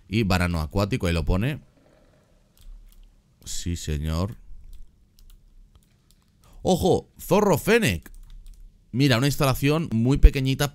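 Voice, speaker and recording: A man reacts to a zoo build in a casual gameplay commentary, his voice sitting very low. He bursts into runs of repeated words when something excites him. The sound is dry and close, with keyboard typing nearby. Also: clear, resonant tone, no echo.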